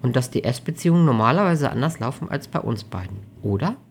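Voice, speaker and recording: A caring woman in her thirties, read by an audiobook narrator, speaking in a soft, soothing tone. She is calm and steady, and her voice stays gentle throughout. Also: mid-range voice, fairly quick, a little hiss or hum, natural voice. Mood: tender. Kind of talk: audiobook reading.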